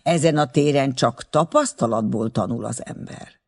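A man's voice: medium pitch, creaky, a little mellow, breathy edge. A man reading aloud, voicing a young man who teases and jokes in a mock-serious way. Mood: teasing. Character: joking, teasing young man at a party.

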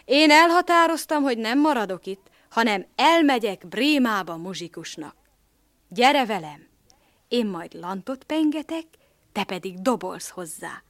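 A woman voicing a steady, encouraging old male donkey in a storybook reading, coaxing and reassuring. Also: a little high, no room sound, clean studio sound. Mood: comforting.

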